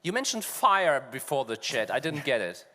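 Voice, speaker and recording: On a large conference hall stage, a German-accented man co-hosts a loose conversation full of "you know" fillers. His mid-range voice swings widely in pitch at a normal speed and sounds pushed and bright, with the long reverb of a big hall.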